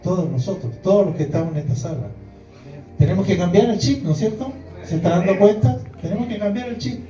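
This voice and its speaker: High-voiced preacher in an echoey hall. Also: male voice, fast talker, mellow. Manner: emphatic, rising to exclamations and acted quotes. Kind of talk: sermon. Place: church hall before a congregation. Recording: distant, echoey, dull hall recording with faint music.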